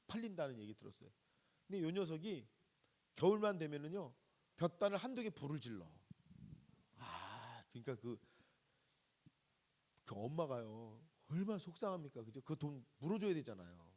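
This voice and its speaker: A man's voice: medium pitch, a little mellow. A middle-aged man preaching a sermon, telling a story and asking the congregation questions, acting out the voices of the people in it. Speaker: guest pastor preaching at a revival service.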